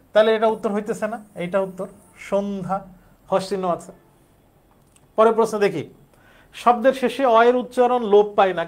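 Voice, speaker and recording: High-voiced man teaching grammar. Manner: explains step by step, repeating words aloud. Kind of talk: exam-prep Bengali grammar lesson.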